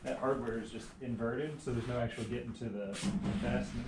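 A man's voice: mid-range voice, steady tone, a little fast, very noisy. A young man working as a bike mechanic, explaining a repair in casual shop talk and repeating words as he goes.

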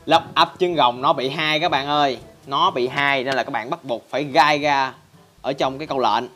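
A man's voice: medium pitch, normal speed, sharp tone, soft background music. A man hosting a casual game tutorial in a chatty style, constantly addressing viewers. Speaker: Minecraft channel host.

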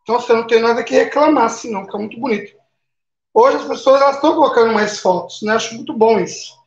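A man's voice: extremely high pitch, rapid-fire. Brazilian male live-stream host, chatty, friendly toward viewers, roomy and slightly muffled stream audio. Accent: Brazilian Portuguese. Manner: chatty, greets viewers by name, tag questions.

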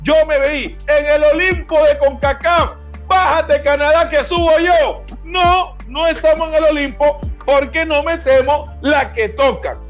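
Male Panamanian football pundit, very high strained-up register, insistent repeats, arguing live over music. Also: a little slow. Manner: emphatic, repeats phrases insistently. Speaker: sports show commentator. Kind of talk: heated live football debate. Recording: music behind the voice. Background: background music.

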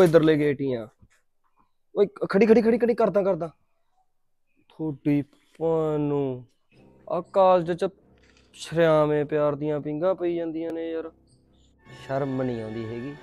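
A man in a short film playing a threatening, scornful man out for revenge, talking loudly. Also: a little high. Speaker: vengeful man spying on the heroine.

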